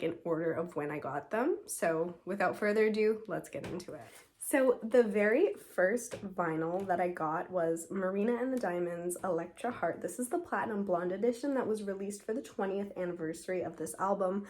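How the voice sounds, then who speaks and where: Congested young woman gushing over records. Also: medium pitch. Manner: gushing, enthusiastic, says "like" often. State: congested, sore throat. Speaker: YouTuber. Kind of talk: casual vlog chat. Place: at home.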